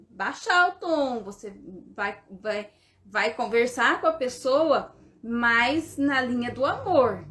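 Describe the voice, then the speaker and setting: A woman with a Brazilian Portuguese accent, a therapist giving casual coaching talk and checking in with her listener through constant short tag questions. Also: on the high side.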